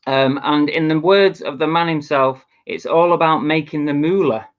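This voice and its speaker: A man's voice: fairly high pitch, normal speed. A man from England co-hosting a casual live stream, chatty and teasing with many ums. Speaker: co-host. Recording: dull lo-fi stream audio.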